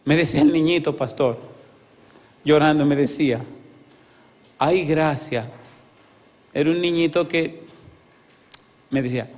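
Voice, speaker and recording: A man preaching an evangelistic sermon, swinging between loud exclamations and hushed pleading and asking the congregation many rhetorical questions. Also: a little high, normal speed, long pauses. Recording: reverberant hall sound.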